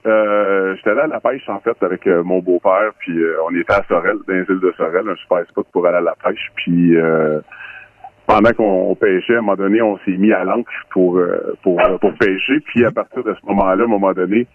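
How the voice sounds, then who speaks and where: A man with a Québécois accent calling in anonymously with a voice modifier making him sound deep and disguised. He tells his story in a rambling, halting way. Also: fairly even intonation, no room sound. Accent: Québécois French. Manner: rambling, halting, repeats words while telling. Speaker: anonymous caller. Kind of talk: call-in confession story. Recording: dry tinny phone line.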